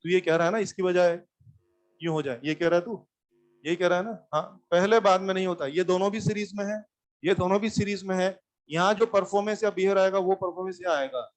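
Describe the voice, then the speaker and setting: High-voiced Hindi-speaking physics teacher. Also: male voice, steady tone, a little fast. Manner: addresses students directly, repeats points, tells them to sit and listen. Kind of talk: classroom lecture. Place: classroom with live students.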